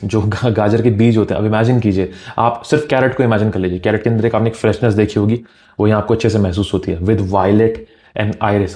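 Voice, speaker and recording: A man reviews fragrances for his vlog with lively enthusiasm, mixing Hindi and English. His voice sits a bit low and sounds mellow and warm.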